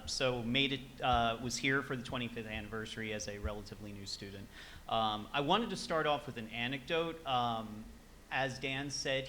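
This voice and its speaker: Bright-voiced young man telling stories. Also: medium pitch, a little hiss or hum. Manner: relaxed storytelling, frequent fillers, laughs at his own anecdote. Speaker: former student giving a memorial tribute. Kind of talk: speech at a memorial event. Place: event room.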